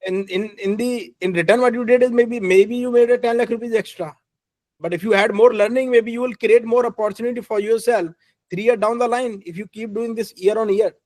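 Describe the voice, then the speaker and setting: This guest speaker, who heads engineering, delivers career advice loudly and emphatically in an Indian English accent, drifting between English and Hindi and often asking "right?" His pitch is extremely high, his intonation fairly even, his pace a little fast, and there's no echo.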